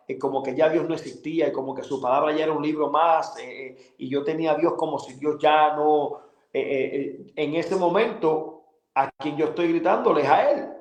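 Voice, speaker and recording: Earnest man giving a halting testimony. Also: a little high, echoey room, low-quality recording. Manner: halting, full of fillers and repeated words, earnest. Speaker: guest sharing a personal testimony.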